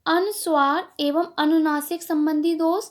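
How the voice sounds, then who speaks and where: A woman's voice: very high voice, fairly even intonation, unhurried. A woman teaching a revision lesson, posing each exam question and answering it step by step. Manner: explains step by step, asks and answers own questions.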